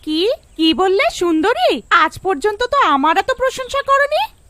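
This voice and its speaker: A woman's voice: very high voice, sing-song, unhurried, dry recording, full character voice. A woman voicing a touchy, sulky young village wife in a cartoon. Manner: sulky, sharp. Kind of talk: cartoon voice acting.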